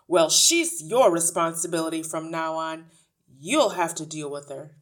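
Woman acting a brusque, loud, ratty little man. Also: sits low, unhurried. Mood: brusque, suspicious. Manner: brusque, barking, impatient. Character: small ratty irritable dismissive man, a gruff suburban father. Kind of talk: acted audiobook dialogue.

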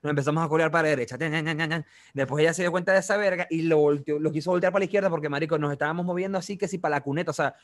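Young Venezuelan man, casual storyteller, quick and slightly high-voiced, animated with sound effects. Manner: animated, with vivid sound effects and constant slang fillers. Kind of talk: casual chat.

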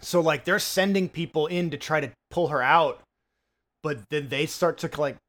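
A man's voice: a little high, moderate pace, fairly bright tone. A man co-hosting a film review podcast, chatting casually with many fillers and restarts, swearing now and then.

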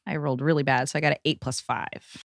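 A woman's voice: a bass voice, fairly even intonation, fast talker, vocal fry, no room sound, studio quality. A woman bantering in a tabletop role-play game, rambling and filling her talk with "like". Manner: rambling, filler-heavy "like" talk. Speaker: tabletop player. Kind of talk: casual in-character banter.

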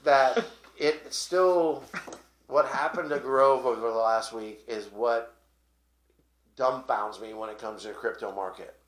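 A man's voice: medium pitch, unhurried, roomy sound. A man hosting a casual talk show, explaining crypto tokens in a rambling way with lots of fillers and restarts. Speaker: podcast host.

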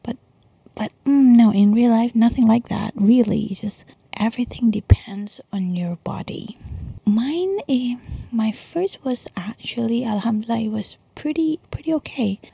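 Whispering Malaysian woman, breathy and creaky. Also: a little high, normal speed, dry recording. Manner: hushed, chatty, peppered with Malay slang and "lah". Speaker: podcaster. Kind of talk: casual confessional monologue, mostly whispered. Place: quiet bedroom at home at night.

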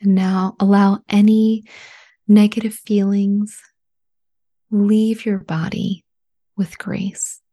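A woman leading a guided relaxation in a soft, soothing spa whisper, hushed, breathy and gentle. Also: mid-range voice, level tone, slow, pauses often.

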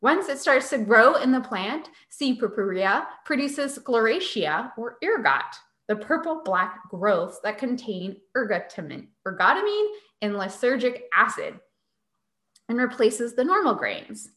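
Bright, lively woman podcast host. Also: a little high, measured pace, reverberant. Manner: sarcastic, chatty explainer. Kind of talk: casual science podcast chat.

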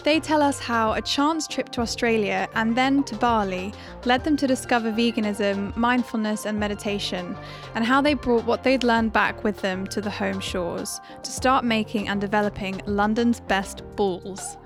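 A woman's voice: on the high side, normal speed, music in the background. A woman podcast host reading a scripted introduction.

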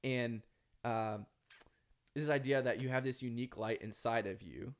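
A man's voice: medium pitch, normal speed. A man with a Minnesota accent speaking earnestly and reflectively as an author guest in a podcast conversation. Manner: earnest, philosophical, emphatic.

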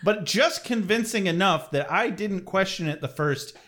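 High-pitched guy rambling through a cartoon episode recap, swears a lot and cracks jokes. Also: lively intonation, normal speed, fairly bright tone. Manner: rambling, jokey, profane. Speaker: podcast co-host.

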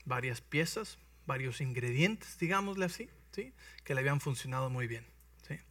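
Man preaching, bright tone, lively storytelling, somewhat distant mic. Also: medium pitch, moderate pace. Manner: lively storytelling, acting out voices and checking with listeners. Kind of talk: sermon. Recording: voice from some distance, dry.

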